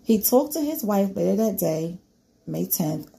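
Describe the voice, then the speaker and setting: Woman, true crime commentator, mellow warm tone, casual chat, reads a report then asks viewers questions, filler-heavy. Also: medium pitch, expressive, a little slow, gravelly, slightly rough. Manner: conversational, poses questions to viewers, many "you know" fillers.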